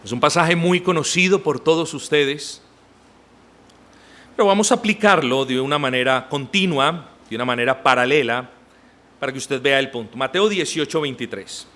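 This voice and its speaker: A man's voice: mid-range voice, moderate pace, a bit bright. A man preaching a sermon as pastor, talking emphatically and directly to his congregation. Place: church.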